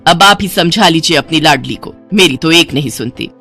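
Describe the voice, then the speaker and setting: A woman voicing a quick-tempered middle-aged mother who nags and scolds. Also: sits low, sharp tone, slightly rough, soft background music, exaggerated voice. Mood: exasperated, scolding. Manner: nagging, exasperated.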